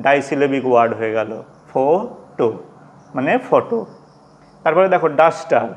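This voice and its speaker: Man teaching slowly. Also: mid-range voice. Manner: slow, repetitive, stretches out example words. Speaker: English teacher. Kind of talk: classroom-style explanation.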